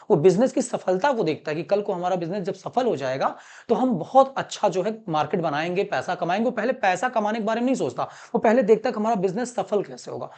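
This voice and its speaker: A man's voice: high-pitched, a little mellow. A male commerce teacher from Allahabad gives a lecture. He repeats each point and calls his students "beta". He mixes English terms into his explanations. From Allahabad, India. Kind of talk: classroom-style lecture.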